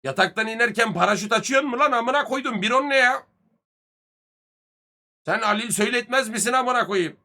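A man in his thirties, a streamer chatting casually with his viewers, joking crudely and swearing a lot, swinging between loud bursts and mutters. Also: very high-pitched, a little fast, pauses often. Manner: lively, swings loud and soft.

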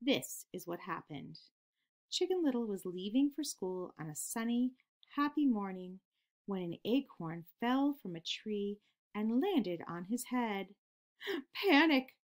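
A woman hosting a children's program, reading a picture book aloud in an expressive storytelling manner. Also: mid-range voice, measured pace.

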